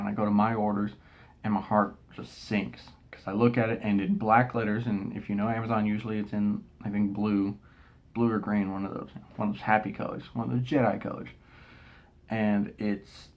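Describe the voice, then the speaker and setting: Exasperated man telling a story. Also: on the low side. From Texas. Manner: animated, exasperated retelling with frequent restarts. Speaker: vlogger. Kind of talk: casual storytelling rant.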